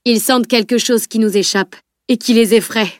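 A woman voicing a calm young male soldier who explains plainly in a storybook reading. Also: a little high, moderate pace, no echo, clean studio sound, natural voice. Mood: explaining.

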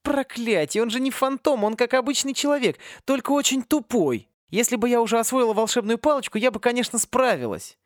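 A man voicing an excitable, bossy teenage girl witch in a storybook, high and shrill. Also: fairly quick, hardly any pauses, no room sound, studio quality. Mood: panicked.

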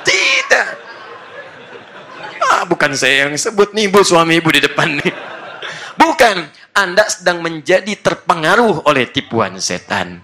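A man giving an animated sermon as a preacher, acting out everyday scenes in changing voices. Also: a little high, moderate pace. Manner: animated, acts out little scenes in different voices.

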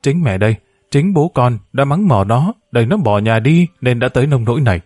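A man's voice: medium pitch, animated, brisk, darkish tone, dry recording, studio quality, natural voice. A man voicing a grieving middle-aged mother who wails and cries out in an audiobook. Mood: wailing grief. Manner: wailing, crying out.

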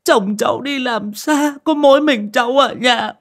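A man's voice: very high voice, measured pace, a bit bright, voice pushed up, full character voice. Man playing a sobbing young village mother. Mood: tearful pleading. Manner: tearful, pleading.

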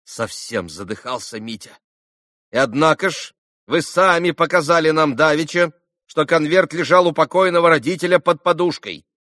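A man voicing a calm, insistent male prosecutor who questions the accused deliberately in an audiobook. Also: fairly high pitch, no echo, clean studio sound, voice pushed up.

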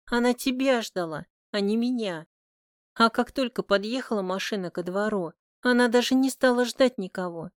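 Reader doing a bratty teen sister for an audiobook, high and clear, close and dry. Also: animated, moderate pace, dry recording, lightly acted. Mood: tearful. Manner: teasing, then tearful and scolding. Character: teenage girl, cheeky little sister. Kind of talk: audiobook character voice.

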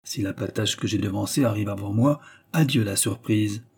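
A man reading an audiobook, voicing an earnest young man who speaks gravely and gently. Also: fairly low pitch, normal speed. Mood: eager.

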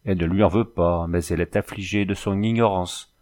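A proud young native woman from an old adventure storybook, as a male reader puts her on, calm, solemn and prophetic. She talks in measured, grave phrases, lifted higher than the reader's own low voice. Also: lightly acted. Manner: solemn, measured, speaks of herself by name.

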